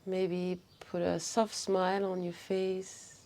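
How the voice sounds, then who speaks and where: Female breathwork guide: soft mellow tone, touch of vocal fry, unhurried soothing instructions, slight noise behind. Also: fairly low pitch, little pitch movement. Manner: soothing, unhurried guidance with short phrases.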